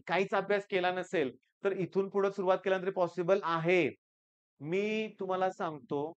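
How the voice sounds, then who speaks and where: A man from the Sangli region, an engineering maths teacher giving students an earnest, animated motivational talk. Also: high-pitched, lo-fi sound. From Sangli region, Maharashtra.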